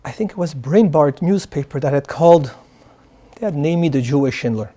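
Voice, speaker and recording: A man's voice: on the high side, lively intonation, fairly quick, warm tone. A man from Morocco, a guest answering interview questions in an earnest way, often repeating words as he starts sentences. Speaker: guest, charity founder. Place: studio.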